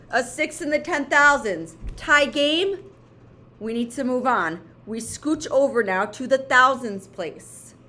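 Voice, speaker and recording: A woman's voice: mid-range voice, fairly bright tone. A woman teaching children in a playful, instructional way, breaking steps into short phrases and checking in often as she goes. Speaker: elementary school math teacher. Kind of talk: step-by-step homework lesson for children.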